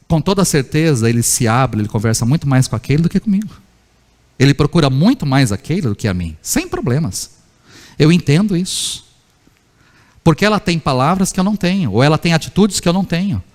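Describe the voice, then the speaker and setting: A middle-aged male pastor preaching conversationally, with many rhetorical questions and small scenes he acts out himself. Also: a little high. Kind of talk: sermon. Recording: church hall with long reverb.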